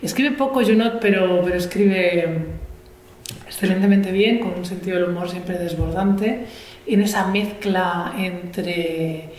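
This female moderator of an onstage literary talk has a fairly low pitch and a darkish tone. Her delivery is halting, with frequent fillers and false starts. She uses a table mic in a large, echoey auditorium where a little noise can be heard.

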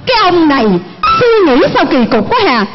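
A woman with a Southern Vietnamese accent playing a chattering farmer's wife who answers back quickly in a stage comedy skit. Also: sits high, sing-song. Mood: bickering. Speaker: stage actress. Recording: muffled recording with music behind.

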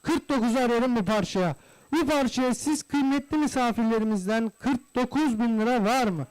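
A livestock auctioneer calls out bids in a repetitive price chant, addressing his guests with formal courtesy. His voice is extremely high and smooth, at a normal pace, though the audio quality is poor.

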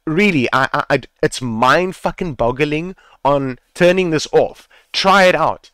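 A man's voice: on the high side, unhurried, fairly bright tone, smooth, dry recording. A man casually talking viewers through game settings in a screen-recorded tutorial, repeating advice and swearing now and then while speaking into a headset mic. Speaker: gaming tutorial creator.

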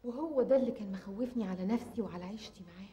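An actress playing a hurt, unsure young woman with an Egyptian accent, speaking very quickly and softly. Her tone is mellow and dark, set in a roomy space. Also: mid-range voice, lightly acted. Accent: Egyptian Arabic. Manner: soft, hesitant, confiding. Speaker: actor in TV drama. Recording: roomy TV drama sound.

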